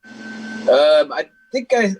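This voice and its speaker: A man's voice: a little high, big pitch swings, extremely slow, darkish tone, slight background noise. A man co-hosting a morning radio show, dropping short wry quips and hesitating with fillers. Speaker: radio co-host. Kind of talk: casual morning radio chat.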